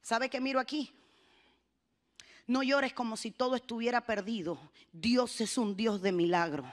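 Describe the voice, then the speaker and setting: A woman's voice: a little high, measured pace. A woman pastor preaching a sermon with rising fervor, calling the congregation to repeat after her.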